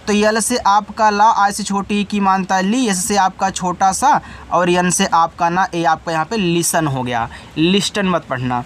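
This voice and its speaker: A man's voice: high voice, fairly bright tone, a little hiss or hum. A man teaching an online spelling lesson, patiently sounding out each word letter by letter and then explaining its meaning, speaking straight to his students and correcting his own slips. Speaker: English teacher.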